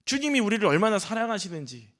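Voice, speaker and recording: Preaching in a high voice at a quick pace, a senior pastor keeps his sermon animated, asking the congregation questions and acting out each voice in the story.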